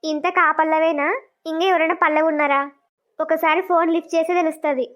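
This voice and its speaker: A woman voicing a gentle suspicious young wife. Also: high-pitched, level tone, quick pace. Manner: soft, questioning. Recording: dull lo-fi recording.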